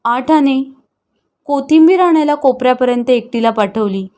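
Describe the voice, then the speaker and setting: A woman voicing a patient young sister-in-law who coaxes and teaches gently, in an audio story. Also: high voice, moderate pace, natural voice. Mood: gentle. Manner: gentle, coaxing.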